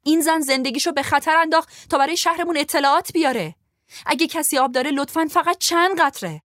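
A woman's voice: medium pitch, darkish tone, slightly rough, no room sound, clean studio sound, voice pushed up. A woman reading an audiobook voices a desperate young woman prisoner who pleads urgently for help for her friend. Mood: pleading. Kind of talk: audiobook character voice.

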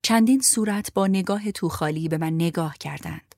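A woman narrating a first-person story in a measured, restrained way, her voice on the low side. The recording is dry and close, with no room echo. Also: creaky, darkish tone. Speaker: audiobook narrator.

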